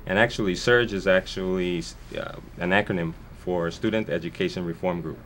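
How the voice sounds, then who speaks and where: A man's voice: low voice, steady tone, a little fast, fairly bright tone, slight background noise. A man born in Guyana, a foundation founder speaking as a guest in a television interview, talking earnestly in long winding sentences with many restarts.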